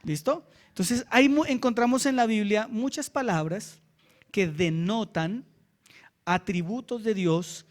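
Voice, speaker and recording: A man with a Colombian accent preaching a sermon as pastor. He slows down for scripture and keeps asking the congregation quick checks. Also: high-pitched. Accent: Colombian Spanish. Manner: asks the congregation short checks like "¿cierto?" and "¿sí?".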